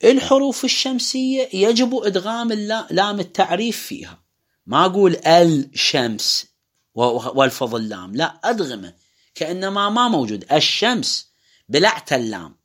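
A man's voice: high-pitched, very animated, fairly quick, a bit bright. A man with an Iraqi Arabic accent teaching recitation rules, explaining step by step and drawing out words to demonstrate them. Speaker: religious teacher. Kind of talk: lecture on Quran recitation rules.

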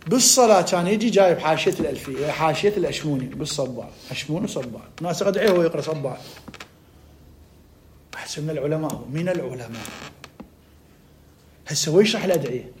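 A man with an Iraqi accent teaching an Arabic grammar lesson. He reads text slowly, asks questions and answers them himself. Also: on the high side, animated, a little hiss or hum. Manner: reads text slowly, then talks fast in dialect.

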